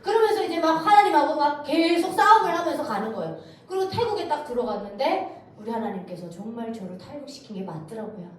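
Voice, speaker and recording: A high-voiced woman from North Korea gives her testimony in a church, with a lively, up-and-down way of telling it. She acts out the voices she quotes as she goes. The voice sounds distant and echoes through a large hall, with a faint hiss behind it. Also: fast. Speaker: guest speaker giving testimony. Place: church sanctuary.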